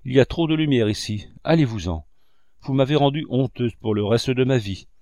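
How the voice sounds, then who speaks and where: A man's voice: medium pitch, animated, fairly quick, mellow, no room sound, lightly acted. A man reading a distraught, ashamed young woman artist in an audiobook, in a breathless, pleading voice. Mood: anguished.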